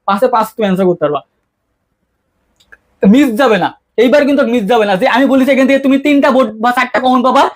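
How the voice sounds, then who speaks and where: A man teaching an English grammar lesson, constantly asking his students questions and answering them himself in a casual, colloquial way. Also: very high voice. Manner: quick-talking, keeps asking students questions; colloquial, mixes English terms into speech. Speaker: English tutor. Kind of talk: online exam-prep lesson.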